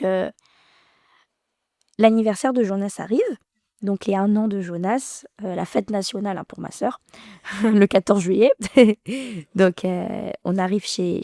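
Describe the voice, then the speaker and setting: Podcast guest, woman in her 30s, mellow voice, halting, emotional telling, dry close sound. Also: mid-range voice, creaky, no room sound. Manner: halting, emotional, many restarts. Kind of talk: personal storytelling.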